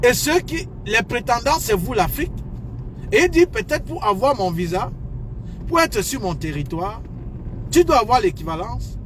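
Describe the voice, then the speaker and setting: A man's voice: very high-pitched, sing-song, moderate pace, background noise. A man giving casual, emphatic advice in a vlog, repeating his points as he lectures. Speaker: advice vlogger.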